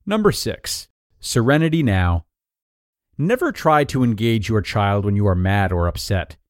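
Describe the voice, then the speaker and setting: A man narrating an article of numbered tips in a clear, even, scripted read-aloud delivery. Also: fairly low pitch, a little slow, no echo, clean studio sound.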